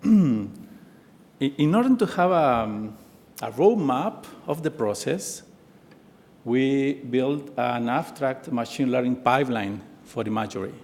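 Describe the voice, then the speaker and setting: A man's voice: medium pitch, expressive, takes it slowly, darkish tone. A man with a Mexican accent giving a conference presentation, hesitant with many fillers and restarts. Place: conference room. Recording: hall reverb.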